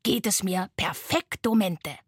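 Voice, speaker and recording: A woman voicing a grumpy but easygoing sloth in a bedtime story, with gruff, slangy, drawling speech. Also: medium pitch, slow, no room sound, studio quality. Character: grumpy, laid-back lazy sloth.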